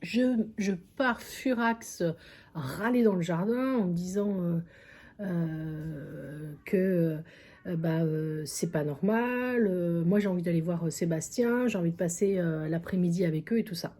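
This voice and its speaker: Speaking from a friend's country house, the psychic medium has a lowish, mellow voice and a measured pace. Her casual vlog story rambles along with plenty of fillers and phrases said more than once.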